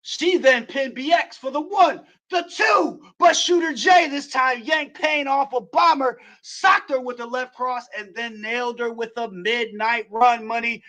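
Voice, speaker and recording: A man hosting a wrestling show, recapping a match play by play and building to shouts at the near-falls. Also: extremely high pitch, unhurried, hardly any pauses.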